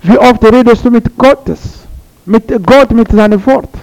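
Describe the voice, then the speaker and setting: A man's voice: very high voice, fairly even intonation, unhurried, a little mellow, smooth, low-quality recording. A man preaching a sermon to a congregation, repeating his phrases and putting questions to his listeners.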